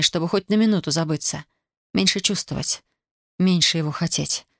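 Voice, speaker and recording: Low-voiced woman reading a novel. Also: no echo, studio quality. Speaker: audiobook reader. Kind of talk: scripted narration.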